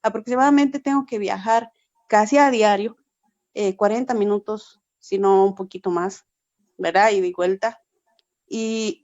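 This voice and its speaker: Here a Peruvian pastor, her mid-range voice a little mellow, testifies earnestly to a forum over a video call. She tends to repeat herself and drops in "verdad" often, and the sound is lo-fi with no room sound.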